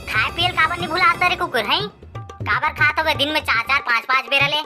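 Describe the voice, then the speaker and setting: A woman voicing a sharp-tongued village mother in a cartoon, scolding her son with a Chhattisgarhi accent. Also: high-pitched, fast talker, faint music behind. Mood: nagging. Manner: scolding, threatening.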